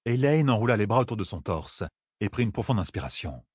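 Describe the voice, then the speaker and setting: A man reading a fantasy audiobook in a lively, expressive narration style. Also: lowish voice, brisk, slightly rough, dry recording, clean studio sound.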